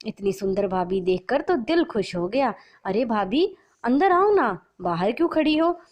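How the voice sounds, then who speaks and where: A woman voicing a cheerful, kind young sister-in-law in a storybook tale, welcoming and lively. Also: on the high side, a little slow, lo-fi sound. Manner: bright and welcoming.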